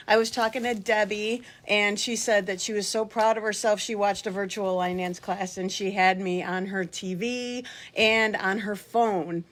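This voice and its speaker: A middle-aged woman and line dance instructor, talking casually and jokingly to camera from her home basement. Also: mid-range voice. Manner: talkative, joking, acts out voices in her anecdotes. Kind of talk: casual chatty tutorial to camera.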